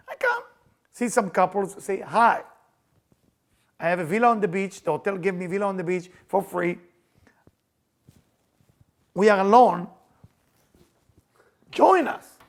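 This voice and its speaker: A middle-aged man with an Israeli accent, a spiritual teacher and podcast host, leads a casual chat and tells personal stories in a playful, animated way, often laughing as he speaks. His voice sits high.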